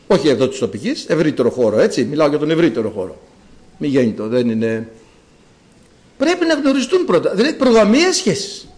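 Male preacher, fairly high and very lively voice, emphatic sermon delivery. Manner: emphatic, swings between loud exclamations and quiet asides; reads scripture slowly and solemnly.

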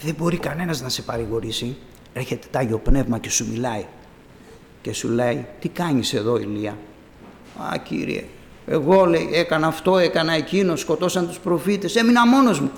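A man preaching an evangelical sermon and telling his own testimony, acting out the voices he quotes and calling out loudly. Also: on the high side, a little hiss or hum. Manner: animated, acts out quoted voices, calls out loudly. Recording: roomy hall reverb.

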